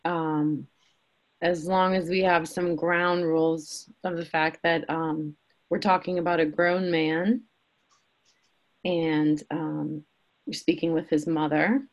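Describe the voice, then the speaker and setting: A middle-aged woman taking part in a mediation as a mother, speaking in a measured, hesitant way with many fillers. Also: sits low, fairly even intonation. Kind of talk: mediation dialogue.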